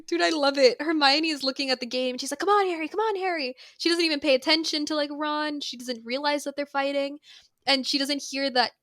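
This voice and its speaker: Young female podcast co-host, high-pitched, lively storyteller, close dry mic. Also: a little fast, no room sound. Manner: animated storyteller who acts out characters' lines. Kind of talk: casual book-club chat, retelling the plot.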